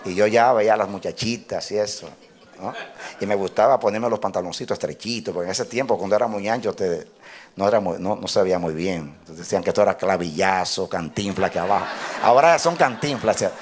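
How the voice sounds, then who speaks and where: A male pastor telling a personal story in a sermon, animated, often laughing and building up to loud exclamations. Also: deep voice, brisk.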